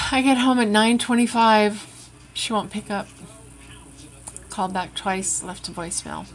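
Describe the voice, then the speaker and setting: A woman's voice: medium pitch, a little slow. A woman telling a personal story to her own camera in a frank, rambling, venting way. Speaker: vlogger. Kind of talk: candid personal vlog. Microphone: camera she adjusts herself.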